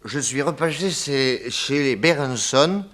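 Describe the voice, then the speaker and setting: In a 1960s French radio drama, an actor plays a genial, tipsy detective uncle who rambles and stammers through his tale. His male voice is medium-pitched, expressive, and a bit bright, and his manner is hesitant, halting, and evasive.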